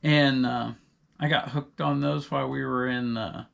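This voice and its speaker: A man's voice: medium pitch, fairly even intonation, unhurried, vocal fry, fairly bright tone. A middle-aged man, co-hosting a podcast in casual chat and wandering off into long, digressive stories. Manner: rambling, digressive storyteller. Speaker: podcast co-host.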